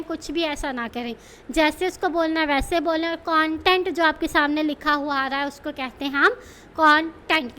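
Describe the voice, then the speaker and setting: A woman with a very high-pitched voice teaches in a casual, chatty way. She keeps checking in with her viewers and asks herself questions before answering them. She slips English terms into her explanations. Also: a bit bright. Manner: explains with many rhetorical questions and check-ins; mixes English terms into Urdu speech. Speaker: English test tutor.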